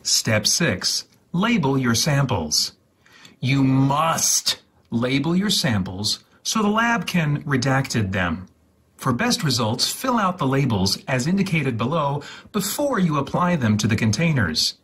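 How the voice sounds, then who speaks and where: A host with a husky, breathy voice reads out instructions step by step, deliberate and dramatic, pronouncing everything with exaggerated care. His medium-pitched delivery is sing-song and a bit bright.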